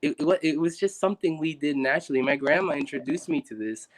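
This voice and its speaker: Earnest reflective man, slightly high voice. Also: fast. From Guatemala. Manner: earnest, reflective, many restarts. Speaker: guest. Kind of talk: casual conversation on a live stream.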